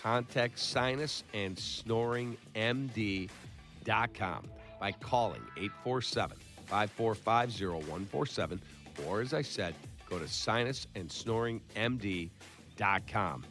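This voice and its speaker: A man's voice: fairly low pitch, unhurried, fairly bright tone. A man reading a personal testimonial radio ad as a host endorsing a sponsor. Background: music.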